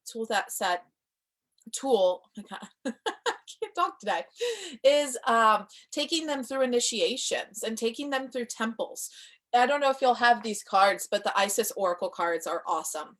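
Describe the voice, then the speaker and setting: A woman's voice: fairly high pitch, a bit bright. A woman giving a casual, enthusiastic live-stream class on spiritual practice, chatting to viewers and answering their comments. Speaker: spiritual teacher.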